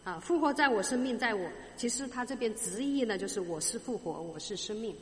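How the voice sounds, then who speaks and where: A woman's voice: a little high, animated, brisk, in a large hall. A woman preaching a sermon, explaining a scripture passage with rhetorical questions to her listeners and growing emphatic on key points. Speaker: Bible teacher.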